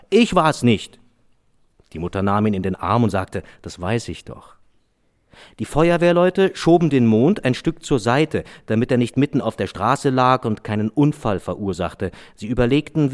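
A man reads a children's story aloud, his voice rising and falling with a lively, sing-song melody. He sits at a middle pitch and leans into each turn of the tale. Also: a little fast, few pauses. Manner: expressive, sing-song reading.

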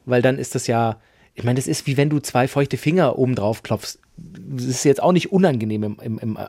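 A man co-hosting a casual podcast about sex, explaining and joking in an animated way. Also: medium pitch, a little fast, no room sound, studio quality. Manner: animated, jokey, reads out explanations. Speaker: podcast co-host.

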